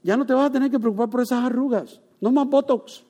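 A male pastor preaching a lively sermon to his congregation, joking and rising to loud exclamations. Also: very high-pitched, fast talker. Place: church. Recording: long reverb of a church hall.

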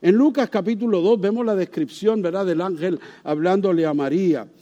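A man's voice: high-pitched, a little fast, warm tone, muffled recording. A male pastor preaching a sermon in a conversational way, asking the congregation rhetorical questions.

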